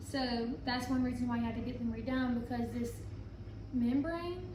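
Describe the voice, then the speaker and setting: Here a woman with a somewhat high voice talks at a normal speed, chatting easily as a guest on a talk show. She struggles with her R's, which turn into W's. The room is echoey and background noise is clearly audible.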